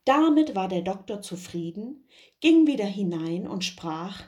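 A woman reading a fairy tale aloud in a measured, expressive storytelling manner. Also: medium pitch, highs cut off.

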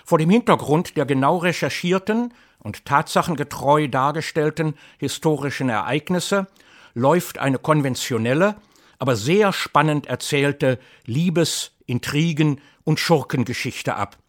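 A middle-aged man reading an introduction and then telling a story with measured, lively delivery. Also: a little high. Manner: measured, lively storytelling, slips into dialect for the tale. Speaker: narrator and reader.

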